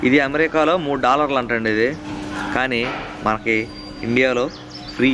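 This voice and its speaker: Talking loosely to his audience during a travel vlog, this man laughs frequently and leans on a handful of stock phrases. He speaks at a normal pace in a medium pitch against a noisy background.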